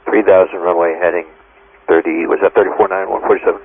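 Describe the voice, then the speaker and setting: A man's voice: sits low, level tone, fast, gravelly. A man speaking as an airline pilot over a cockpit headset radio, making clipped, procedural calls. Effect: aircraft radio transmission. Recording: tinny narrowband cockpit radio, faint static.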